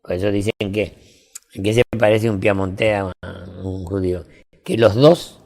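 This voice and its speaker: An older man with an Argentine accent, telling folksy anecdotes in a relaxed interview chat. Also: on the low side, moderate pace. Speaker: storyteller.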